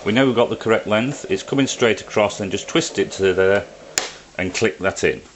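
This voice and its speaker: In this informal hands-on tutorial, a man beside an indoor printer explains the work plainly and in sequence. His lowish voice moves at normal speed over slight background noise.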